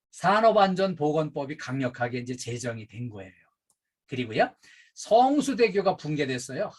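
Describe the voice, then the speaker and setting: A middle-aged man giving a workplace training lecture, emphatic and animated, with frequent fillers. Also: a little high. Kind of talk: safety and customer service training lecture.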